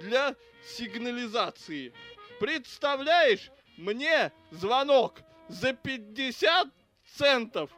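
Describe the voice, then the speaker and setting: Man reading crude angry cop, high voice, ranting, cursing, audiobook, faint music. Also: sing-song, drawn-out words, fairly bright tone, heavily acted. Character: foul-mouthed grudging adult male cop.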